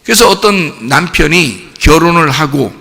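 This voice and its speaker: A middle-aged male pastor preaching with a high, lively voice that leaps and drops. His tone is bright and edged with a gravelly rasp. He keeps putting questions to the congregation, and a long church-hall reverb trails behind him. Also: normal speed. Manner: animated, asks the congregation questions and acts out cheering crowds. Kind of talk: sermon. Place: church sanctuary.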